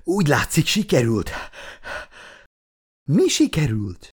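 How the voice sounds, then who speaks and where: A man's voice: on the high side, wildly swooping pitch, voice pushed up. A man voicing a cheeky young man who teases with feigned innocence. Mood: relieved.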